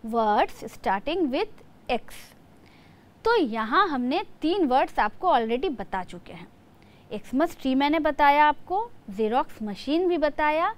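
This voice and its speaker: A woman teacher giving a lesson to young children, spelling words out letter by letter. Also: high voice.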